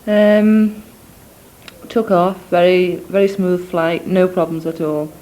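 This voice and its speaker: In a fairly low, dark voice with a steady tone and slow pace, a young woman with a mixed Scouse and Scottish accent talks her way through a cassette letter to family, full of ums and asides. It was recorded indoors on a cassette or dictaphone, and the quality is low.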